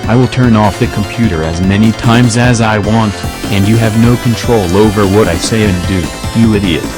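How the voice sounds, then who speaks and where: A man's voice: on the low side, moderate pace, over music, close to an everyday voice. A man voicing a defiant, impatient computer user who mocks a virus in a comedy skit. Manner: mocking, stubborn, theatrical.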